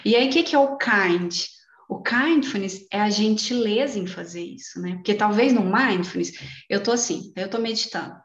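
A woman speaker talks through mindfulness in a lively, engaged way, weaving in everyday examples. Her voice sits at an ordinary pitch for a woman. It comes over a video call with a roomy echo and muffled, dull sound. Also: normal speed. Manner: lively, warm, uses personal examples. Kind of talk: explanatory talk in an online meeting.

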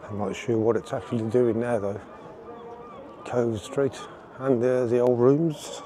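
A man giving a casual outdoor walking tour, relaxed and rambling with fillers. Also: mid-range voice, a little slow, slight background noise. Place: outdoors on town streets.

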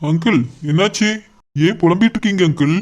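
A man's voice: high-pitched, fairly quick. A man voicing a lovesick cartoon young man. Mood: mopey. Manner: polite, addresses elders respectfully. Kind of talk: cartoon voice acting.

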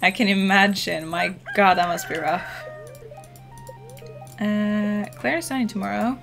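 This young Norwegian streamer has a creaky, mid-range voice, a Norwegian accent and an unhurried delivery. Playing a farming game indoors at home, she chats casually with viewers, dropping plenty of "like" fillers and the occasional swear. Soft game music runs in the background.

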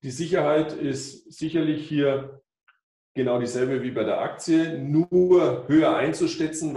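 Middle-aged man, financial advisor, explanatory, halting restarts, roomy office sound, mic at a distance. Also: mid-range voice, mellow. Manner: explanatory, many fillers and restarts. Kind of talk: whiteboard presentation. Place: office room with whiteboard. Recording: echoey office, mic far off.

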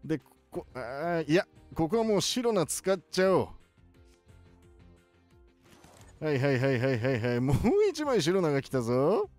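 Male performer as wise old-man professor gaming, high voice, very animated swings, playful exclamations, music underneath. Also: fairly quick. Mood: excited. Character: elderly cartoon professor, excitable old man gamer. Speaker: gaming video host. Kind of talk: video game commentary.

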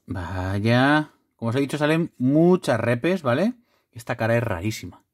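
A man from chatting casually while opening trading card packs, rambling with restarts and breaking into loud swearing excitement at rare cards. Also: medium pitch, no room sound, studio quality. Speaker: card collector vlogger. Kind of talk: casual unboxing chat.

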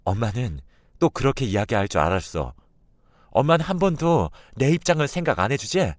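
A man's voice: mid-range voice, big pitch swings, brisk, no room sound, studio quality, voice pushed up, close to an everyday voice. A man voicing a hurt, defiant young adult daughter who pleads and then grows indignant. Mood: resentful.

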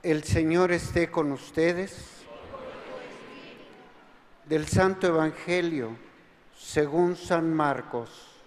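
A man, a priest, reading the Gospel at Mass in a slow, measured liturgical way, with a cathedral echo behind his voice. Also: on the high side, a little hiss or hum. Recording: long reverb of a large church.

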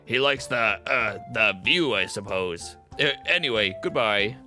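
A man's voice: fairly low pitch, animated, a little slow, sharp tone, soft background music, heavily acted. A man voicing a haughty, insulting male toy lord in a game, sneering and theatrical with a goblin-like voice. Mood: stiff.

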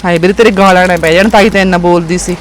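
A woman's voice: on the low side, fairly even intonation, rapid-fire, background noise. A young woman with a Punjabi accent acting a tearful, pleading sister in a village drama. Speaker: married daughter visiting cousin for Rakhi.

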